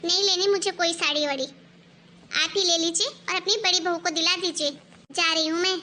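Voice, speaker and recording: A woman's voice: extremely high pitch, steady tone, normal speed, pushed and bright, slight background noise. A woman voicing a touchy young daughter-in-law who complains that she is always passed over. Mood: aggrieved. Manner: complaining, aggrieved.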